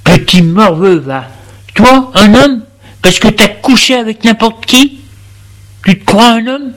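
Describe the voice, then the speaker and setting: A man's voice: a little high, lively intonation, takes it slowly, a bit bright, slightly rough, heavily acted. A man voicing a furious, domineering middle-aged father who scolds harshly and with contempt.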